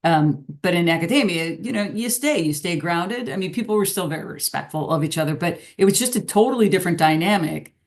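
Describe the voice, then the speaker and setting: A middle-aged woman with a slightly low voice talks through her career in a loose, rambling interview style. She laughs often and restarts her thoughts as she goes. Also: animated, brisk, few pauses. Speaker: guest, business professor. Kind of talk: casual interview conversation.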